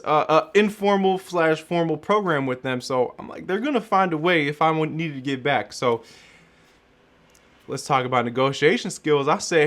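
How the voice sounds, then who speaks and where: Young guy from Chicago, casual vlog storyteller, lively and slangy, acts out the dialogue. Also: mid-range voice. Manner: animated slang-filled storytelling, acts out quotes. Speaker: vlogger telling a travel story.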